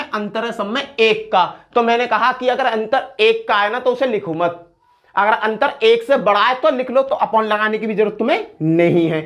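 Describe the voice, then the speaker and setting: A man's voice: high voice, a bit bright. A man teaching an exam-prep math lesson, walking through sums step by step and coaxing students as "beta" with confident encouragement.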